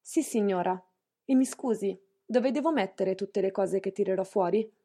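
A woman's voice: mid-range voice, moderate pace, dark tone, breathy edge, lightly acted. A woman reading an audiobook, voicing a timid young housemaid girl who speaks hesitantly and apologetically.

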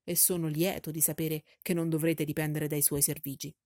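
A woman voicing a dry, ironic older gentleman who teases his family in a deadpan way, in an audiobook reading. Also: deep voice, fairly quick, dry recording, natural voice. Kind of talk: audiobook character voice.

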